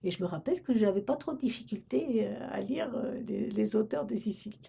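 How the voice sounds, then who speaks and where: This older woman from Romania, a retired librarian, gives an oral history interview about her past, full of hesitation, restarts, and fillers. She speaks briskly and expressively in a mid-range voice that is warm, with vocal fry and a breathy edge.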